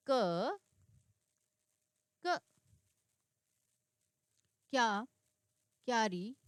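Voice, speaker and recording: A woman teacher giving a reading lesson for children, slowly and clearly sounding out words one by one. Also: high voice, no echo, clean studio sound.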